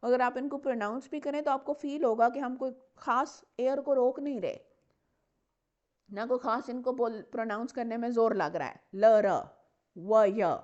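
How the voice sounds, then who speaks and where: A woman's voice: fairly high pitch, normal speed. A woman teacher, giving a patient step-by-step lecture on English consonants and repeating example words. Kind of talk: classroom lecture mixing Hindi and English. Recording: muffled lo-fi recording.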